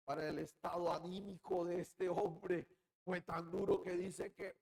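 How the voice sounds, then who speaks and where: A male Colombian Caribbean preacher with a gravelly edge to his voice, delivering a sermon in an unhurried way. He drops to a low, musing tone and then bursts into loud, shouted cries. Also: little pitch movement, rough recording. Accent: Colombian Caribbean Spanish. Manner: swings from quiet musing to loud shouted outbursts. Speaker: pastor.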